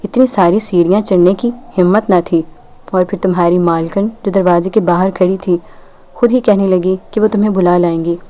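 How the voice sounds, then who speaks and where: A woman's voice: lowish voice, fairly even intonation, mellow, close to an everyday voice. A woman reading the lines of a blunt, impatient young woman in an audiobook, sulky and curt.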